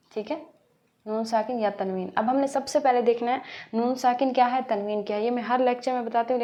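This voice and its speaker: A woman's voice: a little high, mellow, dull audio. A woman teaching a recorded tajweed lesson, patient, repeating key points and answering her own questions. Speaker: Quran teacher.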